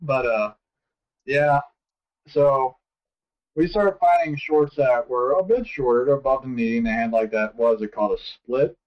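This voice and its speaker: A man co-hosting a podcast, telling a story in a relaxed way with hesitant fillers. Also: medium pitch, unhurried. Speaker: podcast co-host. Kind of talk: casual chat. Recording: distant, dull lo-fi sound.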